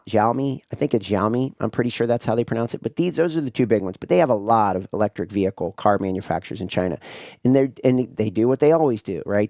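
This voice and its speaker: A man's voice: medium pitch, creaky, darkish tone, dry recording, clean studio sound. A man hosting a casual commentary show, rambling and often asking "right?" as he talks. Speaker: host.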